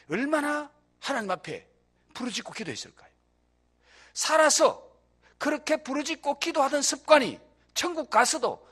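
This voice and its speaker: A man's voice: sits high, a bit bright, breathy edge. A male pastor preaching a sermon in a church, asking rhetorical questions and swelling in volume for emphasis.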